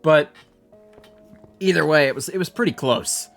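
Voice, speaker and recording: A man's voice: on the high side, moderate pace, vocal fry, a bit bright, faint music behind. A young American man giving casual, rambling, self-mocking commentary while he streams a game, swearing freely. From United States.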